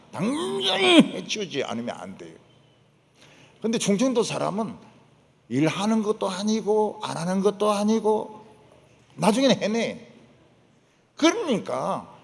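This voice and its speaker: Gravelly older preacher with wild pitch swings. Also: male voice, fairly bright tone. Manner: emphatic preaching, repeats lines, drops to low asides. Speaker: pastor. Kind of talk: sermon. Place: church sanctuary. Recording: long church hall reverb.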